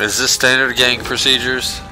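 A man joking and reacting loudly while he and a friend play a video game together. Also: mid-range voice, flat delivery, moderate pace, music in the background. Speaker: gamer. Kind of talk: casual co-op gameplay commentary.

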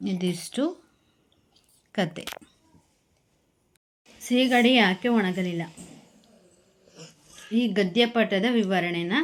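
A woman teacher reading a children's story aloud slowly and then explaining it to young pupils. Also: mid-range voice. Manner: slow, clear storybook reading with repeated calls.

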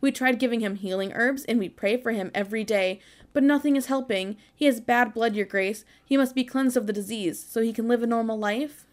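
A woman's voice: a little high, fairly quick, close to an everyday voice. A worried peasant in a medieval game, read by a woman. The delivery is earnest and insistent, pleading with emphasis to a ruler. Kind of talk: reading game dialogue aloud.

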